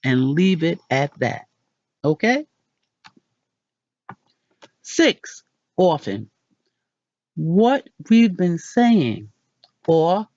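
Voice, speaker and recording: A woman hosting a casual pronunciation lesson, chatty and self-deprecating, repeating words slowly. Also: lowish voice, big pitch swings, a little mellow, no room sound, dull audio. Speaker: channel host.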